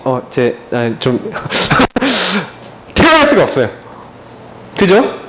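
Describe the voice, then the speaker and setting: Animated Korean man preaching a sermon. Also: very high voice. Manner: animated storytelling with rhetorical questions. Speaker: pastor. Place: church sanctuary.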